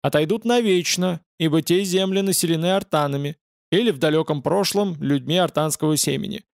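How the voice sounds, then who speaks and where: A man reading as an old herald proclaiming loudly. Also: fairly high pitch, a little fast, gravelly, dry recording, clean studio sound. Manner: loud formal announcement. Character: heavyset elderly male herald, loud and formal.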